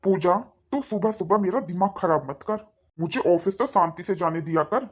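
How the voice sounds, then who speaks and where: A woman voicing an irritable young husband in a cartoon, talking in a gruff, scolding way. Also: fairly low pitch, moderate pace. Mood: irritated. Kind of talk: cartoon voice acting. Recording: dull lo-fi sound.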